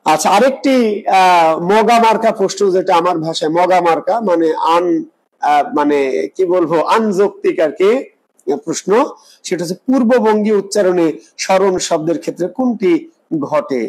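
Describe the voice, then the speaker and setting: High-voiced man teaching exam prep. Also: moderate pace, long pauses, a little mellow, poor audio. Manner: repetitive explaining, quizzing students. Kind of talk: live online class lecture.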